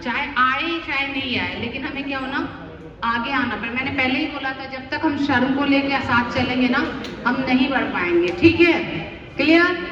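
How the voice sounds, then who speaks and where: A woman's voice: high voice, moderate pace, a crowd in the background. A woman teacher coaching children in a role-play workshop, coaxing and encouraging, often repeating herself. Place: indoor school hall with children. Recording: roomy hall from far off, dull.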